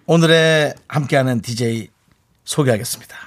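A man's voice: mid-range voice, normal speed. A middle-aged man hosting a live radio show from a studio, teasing his co-host and hyping up visiting children.

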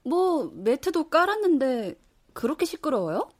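An actress in her twenties playing a calm, matter-of-fact young neighbor. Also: high-pitched, a little slow. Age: 20s. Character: young upstairs neighbor, cool and offhand.

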